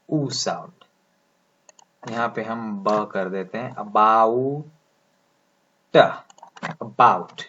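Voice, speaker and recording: Slow, deliberate teacher, muffled audio. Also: male voice, medium pitch. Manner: slow, deliberate, drawing out sounds as he writes symbols. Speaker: English pronunciation teacher. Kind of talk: explaining lesson, speaking Hindi. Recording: dull lo-fi sound.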